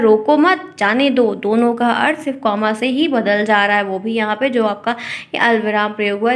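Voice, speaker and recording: Woman, teacher, fairly high voice, exam-prep lesson, repeats questions, explains step by step. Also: fairly bright tone.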